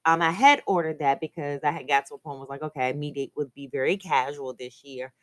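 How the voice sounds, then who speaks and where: A woman's voice: low voice, steady tone, a little fast, dry recording. A woman hosting her own podcast, talking in an upbeat, chatty way. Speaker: podcast host. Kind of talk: casual solo podcast chat.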